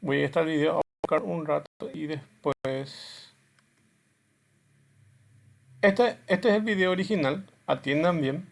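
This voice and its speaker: A man lectures his class in a rough, gravelly voice that sits a little high for a man. He explains things step by step while he plays demonstration videos, and he often checks that the students are following. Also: slow, long pauses. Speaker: teacher.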